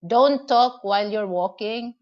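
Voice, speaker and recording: With a Filipino accent and a voice on the high side, a woman from the Philippines vlogs at a slightly slow pace. She casually shares advice and stories with viewers, rambling with plenty of "you know" and "okay?" The audio is dull.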